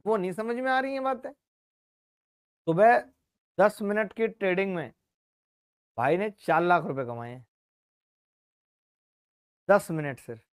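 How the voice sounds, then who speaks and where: Loud, scolding male maths teacher. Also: a little high, smooth. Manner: scolding, preachy lecturing tone; speaks loudly to be heard. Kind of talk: live online class talk.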